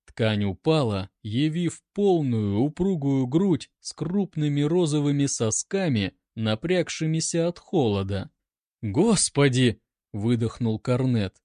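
A man narrating a story in a theatrical, unhurried reading. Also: medium pitch, lively intonation, dark tone, dry recording, studio quality.

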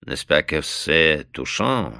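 A man voicing a smug gentleman landowner in an audiobook, speaking mildly and affably, with a patronizing edge. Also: a bass voice, very animated, takes it slowly, vocal fry, clear, resonant tone, no echo, clean studio sound, heavily acted. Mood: affable.

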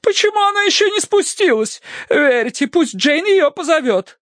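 A man's voice: big pitch swings, normal speed, a bit bright, no echo, studio quality, exaggerated voice. A man voicing a flustered, hysterical middle-aged Victorian lady who frets and scolds melodramatically. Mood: fretful, scolding. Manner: shrill, fussy, melodramatic.

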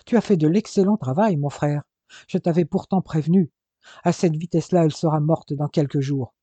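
A man reading aloud as a furious young man who talks in sharp, raised, scolding bursts. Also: a little high, a little fast, breathy edge, no room sound, dull audio.

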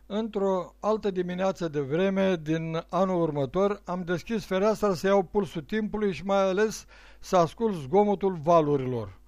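A man narrating a novel as an audiobook, with measured first-person storytelling. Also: sits high, a little mellow, no echo. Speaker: audiobook reader.

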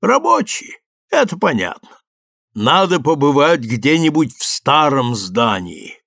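A man's voice: a little high, very animated, takes it slowly, a bit bright, dry recording, heavily acted. Male narrator doing a proud, odd inventor, lofty and theatrical, dry close sound. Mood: haughty.

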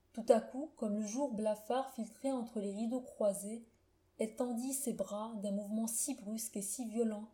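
A woman reads a classic short story aloud in a measured, solemn manner. Her pitch sits a little high, yet the tone is very dark and mellow. The delivery stays steady and literary. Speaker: narrator. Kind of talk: literary audiobook reading.

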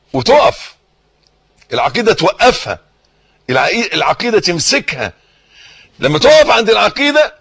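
A man with an Egyptian accent preaching a sermon, teaching by repeating phrases and putting questions to his listeners, rising to emphatic bursts and then sinking to hushed words. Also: sits high, slightly rough. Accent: Egyptian Arabic. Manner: swings between raised emphasis and soft, hushed phrases.

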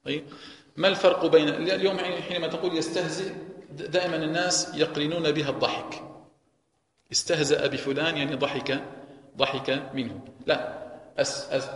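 Guy teaching a religious class, asks himself questions then answers, kinda high voice, big echoey mosque. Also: fairly even intonation, fairly quick, a bit bright. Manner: explains by posing and answering rhetorical questions. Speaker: Quran teacher. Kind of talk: religious lesson. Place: mosque hall. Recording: echoey reverberant mosque hall.

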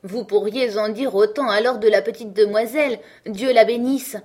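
A woman's voice: fairly high pitch, fairly even intonation, normal speed, a little mellow, natural voice. A woman voicing an earnest, tearful old housekeeper. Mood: earnest, pleading. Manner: earnest, easily stirred protests. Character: simple, tearful, loyal older housekeeper.

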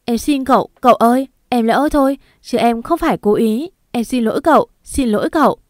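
A woman's voice: on the high side, animated, a little slow, fairly bright tone, dry recording, studio quality. A woman voicing a tearful young pregnant servant woman who begs and sobs. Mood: pleading tearful. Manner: sobbing, begging.

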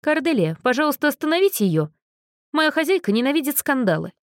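A woman's voice: on the high side, very animated, moderate pace, dry recording, studio quality, voice pushed up. A woman voicing a carefree young woman who speaks in a lazy, breezy drawl. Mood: lazy, amused.

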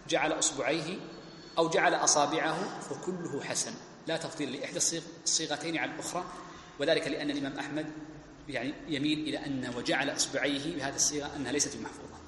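Fast-talking male scholar in an echoey hall. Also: fairly high pitch, steady tone, a bit bright. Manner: explanatory, repeats key phrases for emphasis. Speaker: Islamic scholar teaching a text. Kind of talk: classical religious lesson explanation. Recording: echoey hall with faint background noise.

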